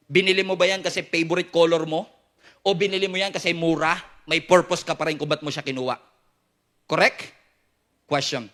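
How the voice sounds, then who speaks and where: A man's voice: sits high, pushed and bright. A man with a Filipino accent preaching a sermon as pastor, hammering repeated refrains, firing questions at the congregation and joking with them. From Philippines. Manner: playful, jokes with the crowd.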